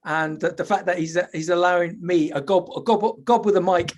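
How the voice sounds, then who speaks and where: A British man, the guest on a casual podcast, talking earnestly with many halting pauses and restarts. His voice is notably high for a man. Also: steady tone. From United Kingdom. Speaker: podcast guest, school presenter. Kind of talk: casual chat.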